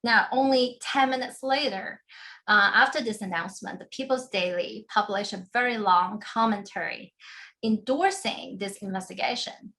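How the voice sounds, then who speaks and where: Woman lecturing with measured explanations. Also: medium pitch, pushed and bright. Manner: measured, explanatory, frequent "um" and "right?" tags. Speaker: law professor giving a book talk. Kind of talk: academic lecture with slides.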